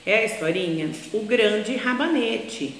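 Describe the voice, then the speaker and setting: A Brazilian woman, a teacher, telling a picture-book story to young children in a slow, sing-song, affectionate way. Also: medium pitch, lively intonation, slight background noise. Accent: Brazilian Portuguese. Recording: echoey room, long reverb.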